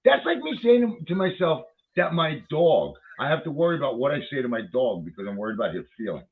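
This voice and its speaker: A man's voice: medium pitch, expressive, fast talker. A man ranting in a heated, profane commentary, swearing often and repeating himself as he reacts to a video. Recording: tinny phone-like line.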